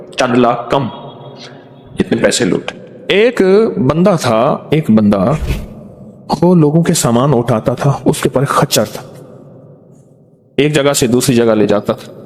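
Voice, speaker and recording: A man preaching a storytelling sermon, animated and repeating phrases for emphasis. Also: mid-range voice, pauses often. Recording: long reverb.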